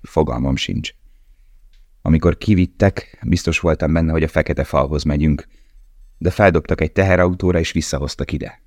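Man doing a gentle earnest young prisoner guy, really deep voice. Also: no echo, studio quality. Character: young male prisoner tattooist, earnest and tender.

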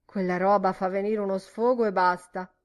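A woman's voice: medium pitch, fairly even intonation, moderate pace, natural voice. A woman reading an audiobook voices a young barmaid, vain and mocking, with teasing gossipy exclamations.

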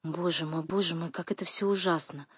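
A woman's voice: on the low side, animated, normal speed, breathy edge, dry recording. A woman voicing a thin, frightened young woman who pleads breathlessly, in a dry, close recording.

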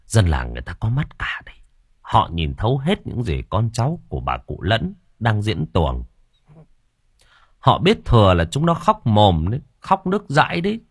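A man narrating an audiobook, telling the story in an expressive, animated way. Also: fairly low pitch, husky, dry recording, clean studio sound.

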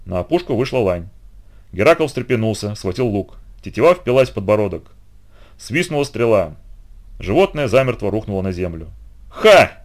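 A man narrating an audiobook with expressive, dramatic storytelling. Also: lowish voice, brisk.

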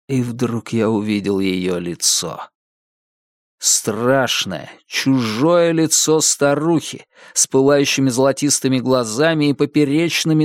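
A man's voice: medium pitch, a little mellow, no echo, clean studio sound. A man reading first-person narration for an audiobook, in a tense, dramatic storytelling manner.

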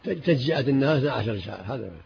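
A man's voice: medium pitch, lively intonation, rapid-fire, vocal fry. An older man, commenting as a sheikh at a hadith reading session, answering briefly and repeating words as he searches for them. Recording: dull lo-fi old tape with faint hiss.

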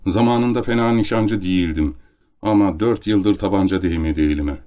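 A man voicing a middle-aged nobleman count, a former duelist, in a measured, somber tone. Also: sits low, mellow, clear, resonant tone, close to an everyday voice. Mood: surprised.

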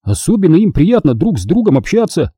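A man's voice: a little high, big pitch swings, fairly quick, mellow, husky, no echo, studio quality, voice pushed up. A man reading the part of a thoughtful young male Jedi apprentice in an audiobook, earnest and reflective.

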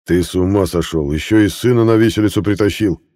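A werewolf knight snarls threats and orders in a loud, rough voice, as a man reads him aloud. The tone is dark under all the force. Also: sits low, fast talker, natural voice. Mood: furious. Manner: growling, loud, contemptuous. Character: harsh werewolf knight, commander of guards. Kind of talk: audiobook character voice.

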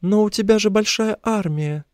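A man's voice: high voice, normal speed, a little mellow, no echo, studio quality, pitched above the performer's own voice, lightly acted. A man voicing a young, emotional and talkative woman held captive, in an audiobook. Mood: pleading. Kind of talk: audiobook character voice.

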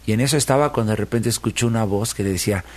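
A man's voice: on the low side, rapid-fire. Playful male storyteller. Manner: lively, rhythmic repetition, playful. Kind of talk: animated folk-tale storytelling.

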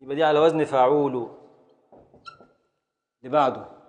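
A man's voice: medium pitch, fairly even intonation, moderate pace, big-room sound. A man with an Egyptian Arabic accent teaching a classroom lesson, drilling his students step by step with repeated questions.

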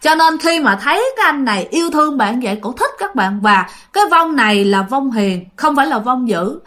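A woman's voice: high-pitched, big pitch swings, brisk, a bit bright. A woman telling a ghost story in a chatty, informal way, speaking straight to her listeners.

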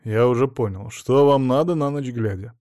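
A man's voice: medium pitch, normal speed, darkish tone, no room sound, clean studio sound, natural voice. A man reading an audiobook, voicing a curt, irritated investigator on the phone. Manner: curt and sour.

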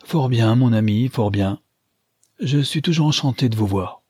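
A man reading aloud, voicing a cordial, effusive gentleman who warmly sends off a guest. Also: medium pitch, normal speed, slightly rough, dry recording, studio quality, lightly acted. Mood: genial. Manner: genial, effusive.

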